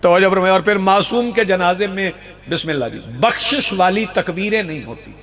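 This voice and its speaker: Pakistani male preacher, high voice, rhetorical outdoor sermon with repetition. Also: normal speed. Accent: Pakistani Urdu. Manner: rhetorical, repeats lines for emphasis, rouses the crowd. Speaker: Shia preacher. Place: outdoor religious gathering.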